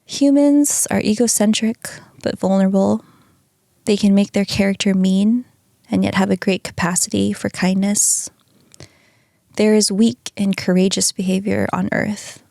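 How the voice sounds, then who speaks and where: A woman voicing a hypnotized male patient who calmly reflects on his soul's choices, reading from a printed script. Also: medium pitch, measured pace, gravelly, dry recording, clean studio sound. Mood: reflective. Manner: calm, reflective answers read from a script.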